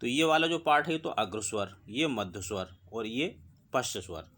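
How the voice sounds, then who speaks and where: A man gives an exam-prep lesson in a patient, explanatory way. He keeps posing questions to his students and then answering them himself, at a medium pitch and an everyday speaking pace. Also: lively intonation, moderate pace, a bit bright. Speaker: teacher.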